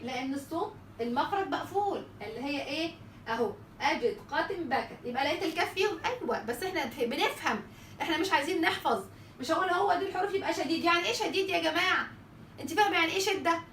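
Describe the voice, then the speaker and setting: A woman's voice: sits high, bright, forceful tone, roomy sound, distant mic, a little hiss or hum. A woman with an Egyptian Arabic accent teaching how letters are pronounced in Quran recitation, asking questions and answering them herself. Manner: rhetorical questions answered herself, repeats sample sounds. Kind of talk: explaining tajweed letter articulation.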